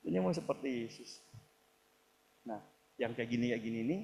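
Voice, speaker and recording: A male pastor preaching a live church sermon, acting out quoted people and swinging between soft asides and loud, emphatic peaks. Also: mid-range voice, animated, normal speed, gravelly, slightly rough. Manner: acts out quoted people in shouted or pleading voices. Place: church hall, live service.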